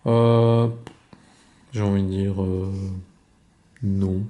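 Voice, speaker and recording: A man calmly talking through his own board game turn, explaining each card and move step by step. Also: low-pitched, very slow. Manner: calm, methodical, explains each move aloud. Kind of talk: solo board game playthrough commentary.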